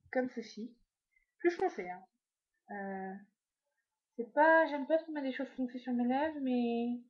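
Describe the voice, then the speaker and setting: A woman from France talks through her makeup haul at home in a casual, rambling way, full of fillers and asides. Her voice sits a little high. The sound is dull and lo-fi, like a basic home video. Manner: chatty, many fillers and trailing asides. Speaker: beauty vlogger. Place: at home, indoors.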